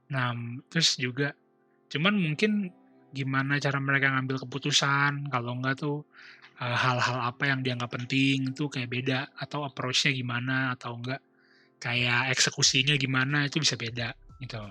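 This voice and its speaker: Bright-voiced man explaining casually. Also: medium pitch, steady tone, normal speed, faint music behind. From Indonesia. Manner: informal, explains step by step. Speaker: streamer explaining personality types. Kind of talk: casual explanatory livestream talk.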